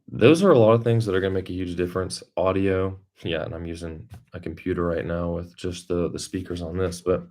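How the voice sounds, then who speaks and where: A man with a low-pitched voice hosts an informal livestream. He talks off the cuff, rambling a little and thinking out loud as he addresses his viewers. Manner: rambling, thinking aloud while reading the chat. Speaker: YouTube creator hosting a livestream. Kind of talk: casual unscripted livestream chat.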